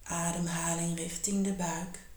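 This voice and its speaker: A woman guiding a meditation and yoga lesson in a slow, calm, soothing voice, often half-whispering. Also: on the low side. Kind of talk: guided meditation and yoga instruction. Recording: echoey room.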